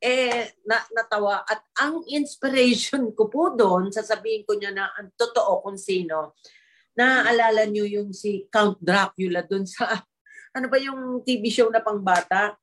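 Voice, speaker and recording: Lively chatty woman telling showbiz stories. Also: medium pitch, unhurried. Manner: animated storytelling, laughs often, mixes English into Tagalog. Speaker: actress guest. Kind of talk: casual chat in an online interview.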